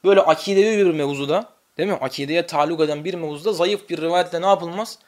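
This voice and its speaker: High-voiced man teaching a religious lesson. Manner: asks the listeners rhetorical questions and answers them himself; chants the Arabic lament calls slowly and drawn out. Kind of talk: religious lecture.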